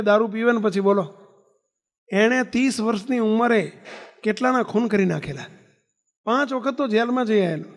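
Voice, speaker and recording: A man's voice: sits high, big-room sound. A man swami giving a devotional sermon, telling stories animatedly and throwing rhetorical questions to the listeners. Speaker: swami preaching a religious discourse.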